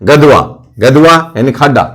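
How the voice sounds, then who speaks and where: A man's voice: medium pitch, a little slow, a bit bright, slightly rough. A male coaching teacher explaining memory tricks for exam facts. He keeps asking questions and answering them himself, repeating key words. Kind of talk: mnemonic lesson for competitive exams.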